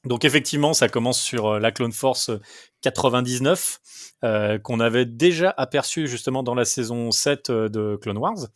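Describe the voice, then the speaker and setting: A man hosts a casual podcast, speaking at a middling pitch. He hesitates often with fillers while explaining things like an eager fan. His voice is recorded dry and close. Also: moderate pace, dry recording. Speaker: podcast host.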